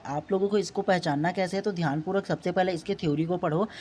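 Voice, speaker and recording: A man teaching an exam-prep lesson. He explains patiently, repeats points, and sounds out each vowel slowly. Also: sits high, darkish tone, slight background noise. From Chhattisgarh, India.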